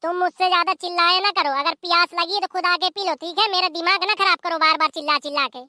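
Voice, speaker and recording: A voice actor playing a sharp-tongued, uneducated village wife in an animated comedy, firing back bossy retorts. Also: extremely high pitch, fast, no room sound, heavily acted. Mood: snappy.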